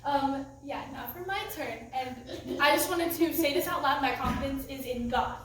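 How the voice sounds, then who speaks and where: Teen girl, high and earnest, emotional youth-group testimony in an echoey room, mic far off. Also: moderate pace, noisy background. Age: teens. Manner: earnest, emotional, laughs nervously. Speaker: youth group student speaker. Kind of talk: personal testimony talk.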